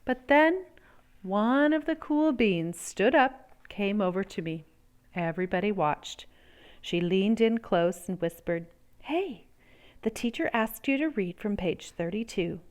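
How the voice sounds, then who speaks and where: In a mid-range voice, a woman performs a children's picture book with lots of drama, stretching words out and pausing to emphasize them.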